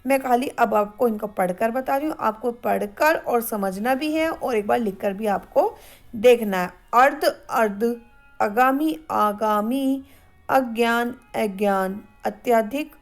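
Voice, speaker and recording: A woman teaching a grammar lesson, reading words out slowly and saying each one twice. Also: fairly high pitch. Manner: slow, careful, repeats each word twice.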